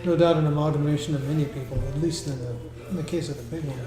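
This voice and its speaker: Man playing a higher-voiced, worldly vampire. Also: fairly even intonation, lightly acted. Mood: calm, cautionary. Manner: formal, measured, worldly-wise warnings. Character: worldly, unruffled male shapeshifting vampire. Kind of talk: improvised tabletop role-play. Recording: roomy echo, clear music behind. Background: music.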